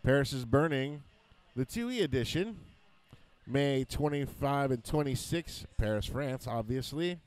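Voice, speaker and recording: A man's voice: medium pitch, expressive, a little slow, a little hiss or hum. A man announcing a roller derby tournament, joking as he rattles off lists of events and scores. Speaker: play-by-play announcer.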